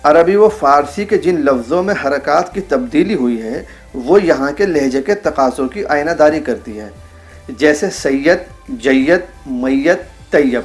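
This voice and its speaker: Guy teaching a video lesson, slightly high voice, drags out example words, faint music behind. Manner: careful, drawn-out pronunciation of example words; reads aloud from a book. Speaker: Urdu language teacher.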